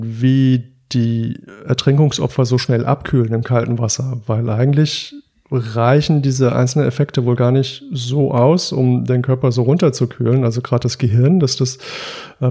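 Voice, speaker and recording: A man's voice: mid-range voice, dark tone. A man explaining medical points in a casual discussion, checking facts with his partner. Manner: explanatory, asks the other for confirmation. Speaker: medical podcast co-host.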